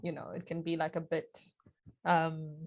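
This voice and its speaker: A woman's voice: deep voice, monotone, moderate pace, lo-fi sound. A woman hosting a podcast, introducing and chatting with her guest in an enthusiastic, filler-heavy way. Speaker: podcast host. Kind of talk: casual interview chat.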